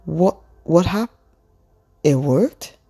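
A woman voicing a dazed, steady teen boy. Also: fairly low pitch, drawn-out words, slightly rough, faint music behind, pitched above the performer's own voice, exaggerated voice.

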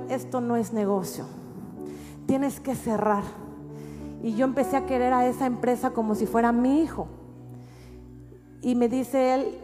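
A middle-aged woman who is a pastor and prophet shares a testimony during a sermon, speaking with a Mexican accent and a high-pitched voice. Her storytelling is animated and sometimes rises to shouting. The hall is reverberant, with faint music behind her.

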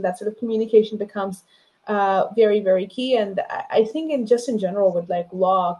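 A woman's voice: mid-range voice, warm tone, low-quality recording. A woman hosting a podcast interview, talking in a chatty way full of "like" and "you know". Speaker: podcast host. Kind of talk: casual interview chat.

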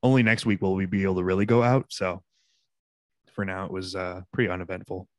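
A man's voice: deep voice, level tone, quick pace, no echo, studio quality. A young man co-hosting a podcast, chatting in an informal, rambling way. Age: young adult. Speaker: podcast co-host. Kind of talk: casual podcast chat.

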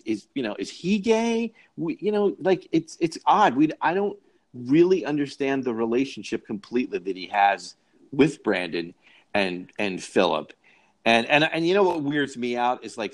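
A man's voice: mid-range voice, expressive, moderate pace. A man chatting casually about films as a co-host, circling back with restarts and repeated words as he thinks aloud. His voice sits in an ordinary middle register. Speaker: podcast co-host. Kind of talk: casual film discussion chat.

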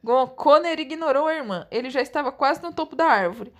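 A woman's voice: sits high, lively intonation, a little fast, fairly bright tone. A woman reading a children's book aloud in a casual, giggly, playful way. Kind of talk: casual read-aloud narration with banter.

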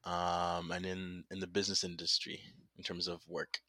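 A man in his thirties, born in Uganda and raised in Canada, introducing himself in a relaxed, plain-spoken way. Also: low voice, normal speed, no room sound. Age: 30s. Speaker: guest. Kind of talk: casual chat.

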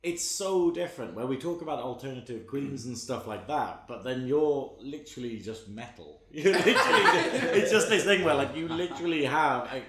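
A man's voice: medium pitch, lively intonation, normal speed, hardly any pauses, a bit bright. A man hosts a casual podcast in a mid-range voice. He is informal and jokey, bantering as he interviews. The sound has plenty of room echo. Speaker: podcast host. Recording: echoey room.

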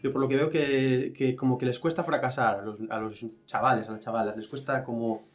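Animated guest acting out little quotes. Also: medium pitch, a little fast, faint music behind. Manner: animated, acts out quoted voices. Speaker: guest, actor and teacher. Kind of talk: casual interview chat.

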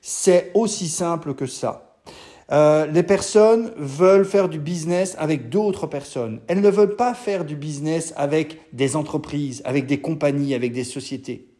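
A man's voice: on the high side, moderate pace, warm tone. A man hosting a business podcast, talking casually on his own with lots of fillers and restarts. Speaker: podcast host. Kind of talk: solo business podcast talk.

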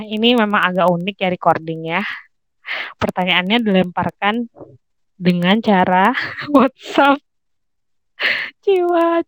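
A young woman, a podcast guest, telling a personal story in a chatty, expressive, slangy way, full of fillers. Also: medium pitch, no room sound, rough recording. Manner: slangy informal speech.

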